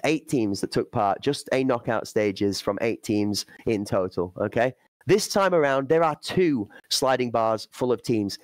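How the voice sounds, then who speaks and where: A man's voice: medium pitch, no echo. A man commentating an esports playoff, breaking down play and building hype for the chat. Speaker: esports caster.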